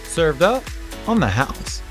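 A man's voice: a little high, sing-song, slow, over music. Upbeat male podcast announcer. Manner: polished announcer delivery. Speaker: podcast host. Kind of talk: scripted podcast intro and ad read.

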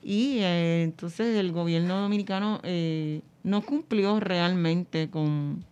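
A woman explaining things in an interview, haltingly and searching for words. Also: lowish voice, darkish tone, smooth, dull audio.

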